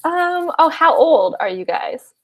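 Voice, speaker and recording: A woman's voice: extremely high pitch, big pitch swings, takes it slowly. A woman in her twenties co-hosting a casual book chat, giggly and rambling, on a video call. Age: 20s. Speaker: co-host of a book liveshow.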